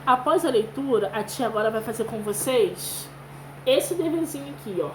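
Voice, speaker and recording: Patient high-voiced woman teacher. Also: expressive, background noise. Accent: Brazilian Portuguese. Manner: slow, patient, sounds out syllables. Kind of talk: children's lesson with read-aloud.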